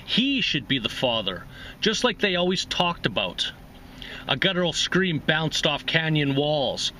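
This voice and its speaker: Hosting a reading series, a man reads a short story aloud in a bright, forceful, slightly high voice. He is very animated yet unhurried, with faint noise in the background.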